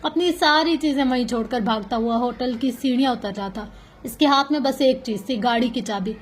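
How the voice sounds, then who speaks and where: A woman reading a novel aloud in a smooth, steady narrating voice. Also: fairly high pitch, moderate pace. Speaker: novel reader.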